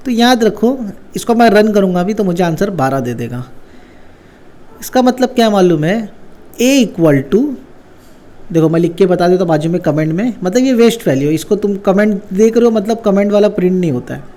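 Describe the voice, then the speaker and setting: An expressive, mellow, high male voice at normal speed explains coding basics in a relaxed way. As the programming teacher, he keeps the tone conversational and keeps firing off rhetorical quiz questions.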